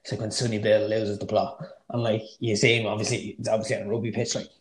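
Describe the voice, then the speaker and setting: An Irish man co-hosting a casual podcast chat, thinking out loud and swearing now and then. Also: fairly low pitch, level tone, quick pace, slightly rough. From Ireland. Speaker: podcast co-host. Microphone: remote call mic.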